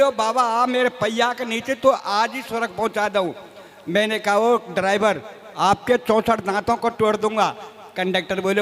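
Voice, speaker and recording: On stage in an echoey, reverberant hall, a comic poet from Rajasthan, India, delivers folksy, self-deprecating comedy poetry directly to his listeners. His voice is very high-pitched and a bit bright.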